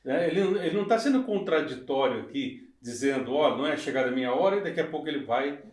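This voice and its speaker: A male pastor in a casual Bible study conversation, explaining calmly and affirming his partner often. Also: fairly high pitch, fast talker, recorded from a distance. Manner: agreeable, explanatory, frequent short affirmations. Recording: echoey room, away from mic.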